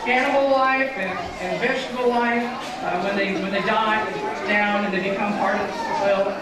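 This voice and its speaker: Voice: mid-range voice, steady tone, moderate pace, very noisy. A kids party magician hosting a live children's show, talking the audience through things in simple steps. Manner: kids party magician patter, coaching a child volunteer step by step. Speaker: kids' show magician and entertainer. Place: live show in an echoey room. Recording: echoey room, far from mic, loud music.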